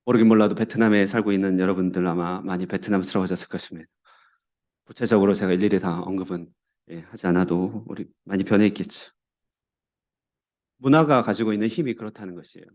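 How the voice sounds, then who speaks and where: A man's voice: low-pitched, fast talker, a little mellow. A Korean man, a pastor, delivering a sermon in church with earnest, rising emphasis on key words. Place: church sanctuary.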